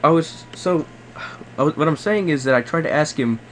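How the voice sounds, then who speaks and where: A man with a voice on the high side and a fairly bright tone talks briskly as he plays a prank, posing as a customer. His complaint is polite yet hesitant and repetitive, returning to things he's already said. Faint background noise can be heard on the recording of the call.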